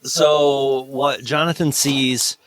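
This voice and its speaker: A man's voice: mid-range voice, steady tone, takes it slowly, fairly bright tone, dry recording, studio quality. A man running a tabletop game as game master, laying out each scene step by step. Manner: methodical scene-setting descriptions.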